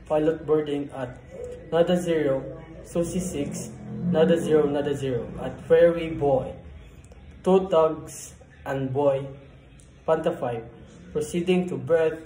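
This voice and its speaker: A man's voice: fairly high pitch, dark tone. A man playing a ship's officer making a marine radio call to port control, formal and clipped, spelling out each number. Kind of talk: scripted marine radio procedure. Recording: echoey room.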